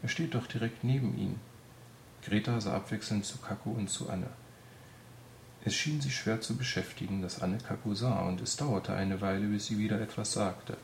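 A man narrates a novel in a calm, even read. His voice sits very low with a gravelly fry. The recording is roomy with a faint hiss behind. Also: normal speed. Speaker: audiobook reader. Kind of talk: scripted narration.

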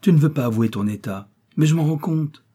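A man's voice: fairly high pitch, lively intonation, fairly quick, warm tone, husky, voice pushed up. A man reading aloud and voicing an anxious, devoted young woman student who speaks in urgent, fretful pleas.

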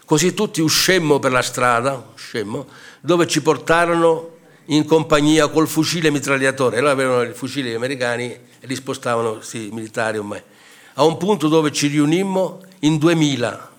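An older man presenting his book, telling a story and reading from a war diary aloud in a halting way, with many restarts. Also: mid-range voice.

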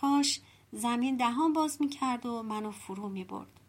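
Young prince, proud and quick to anger, read by a woman narrator; storybook audiobook. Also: a little high, lightly acted. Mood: indignant. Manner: indignant, self-pitying outbursts.

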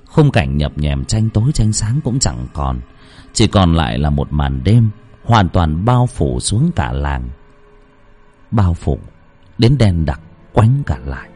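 Husky low guy telling a spooky story, very up and down delivery, soft music behind. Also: slow pace. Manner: expressive, suspenseful. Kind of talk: dramatic ghost story narration. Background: soft background music.

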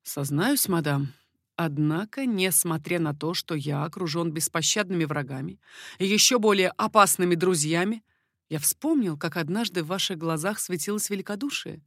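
A woman reading an audiobook, voicing a shrewd, wary young king who speaks in a measured, guarded way. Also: fairly low pitch, a bit bright, no echo, studio quality.

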